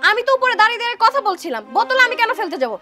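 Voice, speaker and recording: A woman's voice: very high-pitched, big pitch swings, racing. A woman playing an indignant grown neighbor who defends herself against rude accusations. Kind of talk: low-budget drama acting. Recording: music bed under dialogue.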